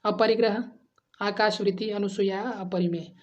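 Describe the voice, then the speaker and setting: A woman teaching an exam-prep grammar lesson, reading out each question and its options. She keeps asking her students what they think before settling on the answer and repeating the option letter. Her voice sits at an ordinary middle pitch, and the recording sounds dull and lo-fi. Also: steady tone, measured pace. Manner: addresses students as friends, asks and answers quiz questions.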